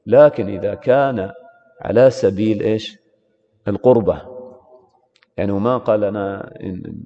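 A man teaching Islamic law in a classroom lecture, repeatedly posing rhetorical questions to his students. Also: lowish voice. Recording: reverberant hall, dull lo-fi sound.

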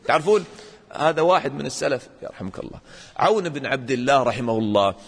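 A man teaching a religious lesson to children, questioning the class and acting out examples in an animated way. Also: mid-range voice, quick pace, vocal fry, slightly rough, big-room sound.

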